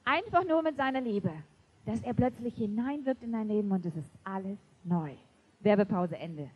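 A woman preaching a sermon to a congregation, emphatic and lively, often laughing. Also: mid-range voice, normal speed, muffled recording, a little hiss or hum. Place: church before a congregation.

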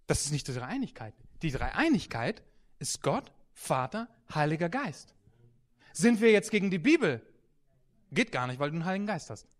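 High-voiced animated preacher. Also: male voice, moderate pace. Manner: animated, swings between soft and loud, storytelling. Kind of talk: sermon with anecdotes.

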